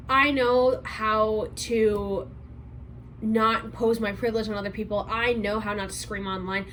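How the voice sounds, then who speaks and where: A twenty-year-old woman giving a sarcastic commentary vlog, rambling fast and correcting herself as she goes. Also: medium pitch, a bit bright, slight background noise, poor audio. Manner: sarcastic, rapid rambling with restarts. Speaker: commentary YouTuber.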